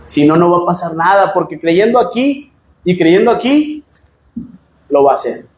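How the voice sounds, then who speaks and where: A Mexican pastor preaching a sermon, swinging from loud emphatic lines to low asides. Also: male voice, very animated, moderate pace, roomy sound, dull audio, slight background noise.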